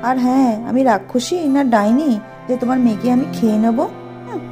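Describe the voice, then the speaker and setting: A woman voicing a cruel middle-aged stepmother in a cartoon story, with harsh, shrill scolding. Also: fairly quick, natural voice. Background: music.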